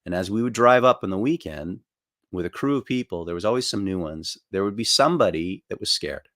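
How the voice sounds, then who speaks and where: A middle-aged man tells a story during a motivational talk, in a loose and conversational way with a few restarts. His voice sits fairly low. The sound is dry, with no room echo. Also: expressive, a little fast, a bit bright. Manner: storytelling, acts out quoted voices with jumps in pitch; loose, chatty with fillers and restarts. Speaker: motivational speaker.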